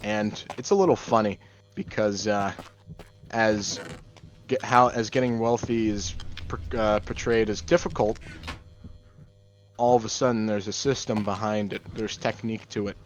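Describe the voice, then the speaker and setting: A young man doing gameplay commentary in a deadpan monotone, rambling through offbeat musings. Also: lowish voice. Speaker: gaming channel host.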